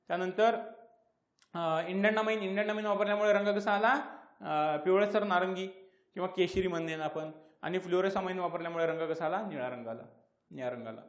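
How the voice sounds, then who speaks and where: A man's voice: sits high, echoey room. A man with a Marathi accent giving an exam-prep lecture. He asks questions and answers them himself, repeating key terms. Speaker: teacher.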